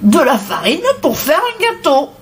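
A woman voicing a gentle, bumbling male wolf who talks softly and stammers when flustered. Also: sits high, huge pitch swings, measured pace, slight background noise, pitched above the performer's own voice, exaggerated voice.

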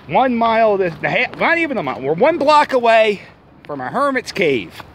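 Walking through a wooded park, a Philadelphia man in his thirties films a selfie vlog on a phone at arm's length, joking and fretting to himself in a rambling way. His voice sits high and is very animated, at a moderate pace, with slight background noise.

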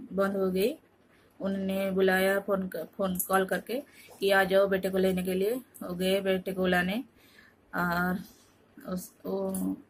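A tired woman vlogger from Odisha, India, chats slowly at home at night. Her voice stays flat and even, and she often halts and restarts while she searches for words. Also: mid-range voice, husky. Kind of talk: casual home vlog.

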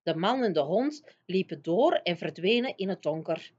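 A woman teacher reading a children's book aloud in a lively storytelling manner. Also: on the low side, moderate pace, breathy edge. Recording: dull lo-fi recording.

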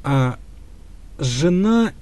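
A man's voice: on the high side, sing-song, extremely slow, a little mellow. A man being interviewed as a history expert, answering at length in a thoughtful, hedging way with frequent filler sounds. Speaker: historian guest.

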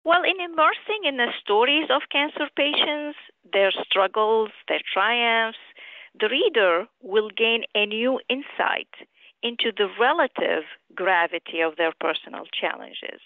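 A middle-aged woman from Syria, a physician and author, answering interview questions over the phone in a measured, earnest way. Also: a little high, dry recording. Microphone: telephone. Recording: tinny phone line.

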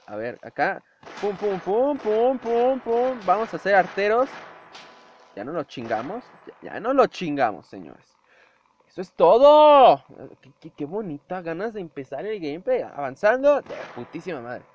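Excitable high-voiced Mexican gamer. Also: male voice, moderate pace. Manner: excitable, shouts, swears and makes sound effects. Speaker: gameplay youtuber. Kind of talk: excited gameplay commentary. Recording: dull lo-fi home recording with faint hiss.

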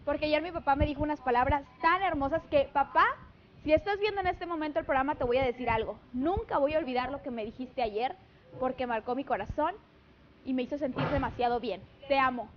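A high-voiced Mexican woman hosts a live TV show from the studio. She chats warmly with viewers and reads their greetings aloud, full of pet names. Her sound is a little dull, with faint hiss. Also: brisk. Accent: Mexican Spanish. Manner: chatty, affectionate, gushing with pet names. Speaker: TV show host. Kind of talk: live TV chat, reading viewer messages. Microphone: handheld microphone.

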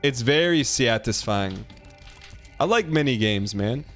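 This streamer's medium-pitched voice is animated, a bit bright and a little slow as he commentates a game live. Against game music, he reads chat and on-screen text with slangy, casual asides.

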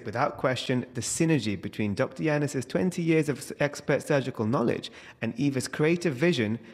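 A man's voice: mid-range voice, big-room sound. A young man hosting a podcast, reading an enthusiastic scripted introduction and asking his guests questions. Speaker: podcast host. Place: indoor room, video call. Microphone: studio mic on stand.

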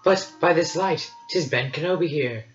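A man playing an earnest, eager young farm boy in a storybook reading, speaking bright verse. The sound is roomy and slightly dull, with faint music. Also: on the high side, normal speed, voice pushed up, natural voice.

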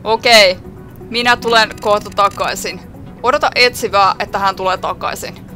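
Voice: mid-range voice, steady tone, sharp tone, soft background music, close to an everyday voice. A gaming YouTuber reading a game detective's orders aloud in a plain voice. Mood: firm.

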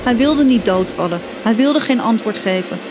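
A woman reading a children's story aloud as scripted narration, expressive and lively, voicing the characters' cries. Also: on the high side, moderate pace. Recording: music bed behind voice.

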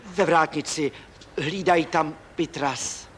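A man's voice: a little high, fairly bright tone, a little hiss or hum, close to an everyday voice. An actor in a 1970s film comedy playing an eager, somewhat sheepish employee reporting to his boss.

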